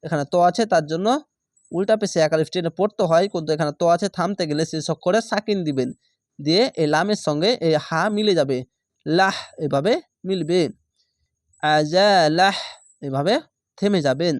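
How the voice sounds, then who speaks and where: A man's voice: a little high, a little mellow, dry recording, studio quality. Man patiently spelling out recitation. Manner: slow, patient syllable-by-syllable spelling and drilling; repeats instructions to students. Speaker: Quran reading teacher.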